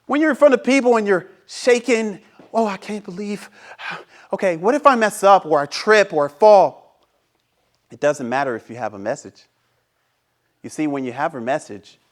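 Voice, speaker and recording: A man whose native language is Haitian Creole delivers a prepared inspirational speech as a guest at a speaking club, his voice sitting on the high side. He shifts between loud and hushed moments and poses rhetorical questions.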